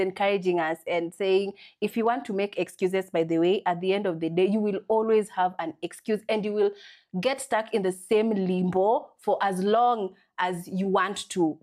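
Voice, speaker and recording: A woman's voice: medium pitch, darkish tone. A woman with a Kenyan accent co-hosts a casual motivational podcast, chatting in an encouraging, conversational way and slipping between two languages. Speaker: podcast co-host.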